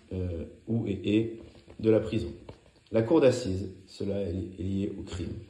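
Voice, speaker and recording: Male lesson narrator, lowish and mellow, clipped didactic note-reading, echoey room sound. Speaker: narrator of a law revision lesson. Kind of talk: scripted study notes read aloud.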